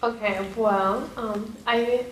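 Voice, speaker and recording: A woman's voice: on the high side, steady tone, slow. A woman acting student reflecting on her own performance in class. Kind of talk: self-critique in class. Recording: roomy echo, faint background noise.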